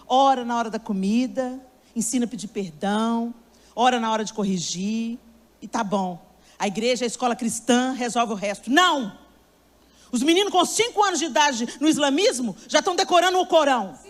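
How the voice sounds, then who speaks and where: A woman preacher delivering a sermon, telling a story with emphasis and speaking straight to her listeners. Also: fairly high pitch.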